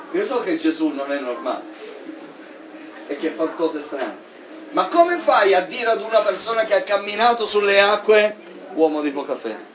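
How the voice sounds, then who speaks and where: A man preaching a sermon in an animated way, swinging between loud emphasis and soft asides. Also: sits high, a little slow, long pauses, a little hiss or hum.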